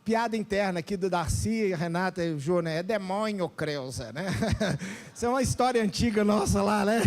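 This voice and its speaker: A male pastor preaching a sermon with a Brazilian Portuguese accent, animated and often calling out to the congregation for responses. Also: high-pitched, moderate pace.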